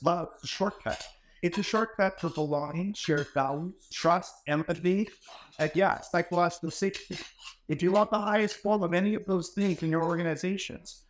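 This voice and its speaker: Man giving an emphatic keynote, high voice. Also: slight background noise. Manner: storytelling, emphatic and conversational. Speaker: keynote speaker. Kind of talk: motivational keynote speech. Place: ornate wood-paneled hall, indoors. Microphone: handheld microphone.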